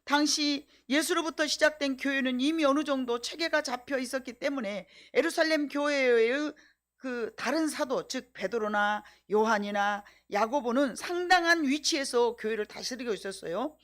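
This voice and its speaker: A woman's voice: sits high, moderate pace, fairly bright tone. A middle-aged woman pastor preaching a sermon with emphasis, often asking the congregation rhetorical questions.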